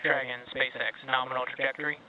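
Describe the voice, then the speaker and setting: A man's voice: mid-range voice, little pitch movement, fast, dull audio. A male flight controller making clipped, formal callouts over a crackly space radio transmission.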